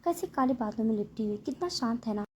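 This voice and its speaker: A woman's voice: a little high, lively intonation, fast talker, darkish tone, a little hiss or hum, natural voice. A woman voicing a brooding young husband who speaks solemnly and intensely to his wife.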